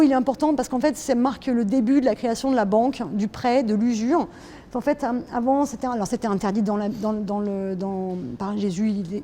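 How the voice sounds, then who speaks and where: A French woman artist with a slightly high, mellow voice gives a casual guided tour of her own drawing. Her spoken explanation is hesitant, with many restarts and fillers.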